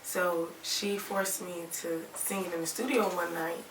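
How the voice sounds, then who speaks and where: A young woman from Alabama, raised in Ohio, chatting casually in an interview, relaxed and rambling with lots of "like". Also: fairly low pitch, a little slow, recorded from a distance, background noise. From Alabama, raised in Toledo, Ohio. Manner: relaxed, rambling, many "like" fillers. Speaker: rapper and singer, interview guest. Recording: echoey room, voice off-mic.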